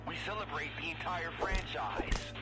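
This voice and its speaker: An actor playing a bombastic announcer in a parody radio advert, hyping a tournament with challenging salesmanship. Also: male voice, fairly high pitch, normal speed, lightly acted. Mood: hyped. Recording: loud music bed.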